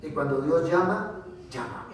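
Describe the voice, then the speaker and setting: Colombian pastor preaching in an echoey church. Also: male voice, on the high side, normal speed, slight background noise. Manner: preaching with frequent amens and questions to the congregation. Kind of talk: sermon. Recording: echoey church hall, mic far off.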